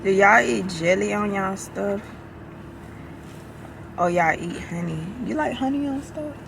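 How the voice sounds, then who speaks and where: A woman's voice: medium pitch, measured pace, creaky. A woman vlogger chatting playfully on a road trip, often laughing, recorded inside a car. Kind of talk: casual chat in a car. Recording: car noise behind the voice.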